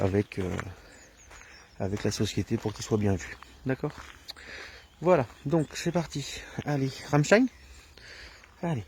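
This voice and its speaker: A man explaining dog training outdoors on a rural path, talking to viewers in a relaxed way with many hesitations, filmed alone on a handheld camera. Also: lowish voice, slight background noise. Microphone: camera filming alone, held himself.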